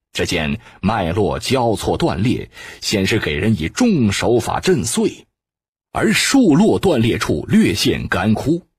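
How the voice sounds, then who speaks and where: A man narrating a martial arts novel as an audiobook, in an expressive reading style. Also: lowish voice, slightly rough, no echo.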